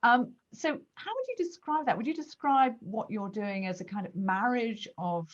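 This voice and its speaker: A woman's voice: a little high, expressive, moderate pace, muffled recording. Effusive woman hosting an author interview. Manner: effusive, emphatic. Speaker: interviewer and host. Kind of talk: enthusiastic interview.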